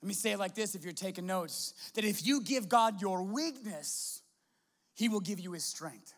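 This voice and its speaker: High-voiced Midwestern American pastor preaching. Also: male voice, lively intonation, normal speed. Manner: impassioned preaching with repeated restarts and rhetorical questions. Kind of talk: sermon.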